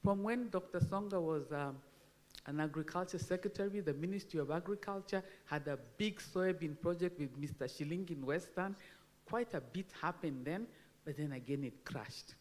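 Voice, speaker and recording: A woman's voice: lowish voice, normal speed, a little mellow. A Kenyan woman in her sixties giving a candid, emphatic, informal speech, with speech shaped by missing front teeth. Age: 60s. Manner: candid, self-deprecating, emphatic. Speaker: agricultural research speaker. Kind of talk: informal speech at a launch event. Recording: long hall reverb on microphone.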